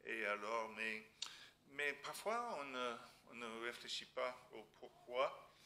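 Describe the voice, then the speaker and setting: A man with a foreign accent in French, a non-native speaker preaching a church sermon haltingly, searching for words and adding little tag questions. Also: medium pitch, lively intonation, bright, forceful tone, slight background noise. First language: not French. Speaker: visiting missionary preacher.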